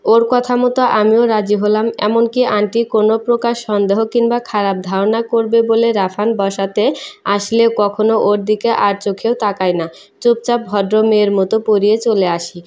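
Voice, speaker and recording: A woman narrating a first-person emotional story in a steady, measured reading. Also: mid-range voice.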